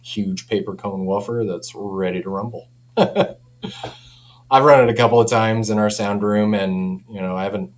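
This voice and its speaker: Representing a speaker company, a man demos its products casually and with enthusiasm, often chuckling in an informal way. His voice is fairly low and steady, a touch slow, and the recording has clear background noise with a hum.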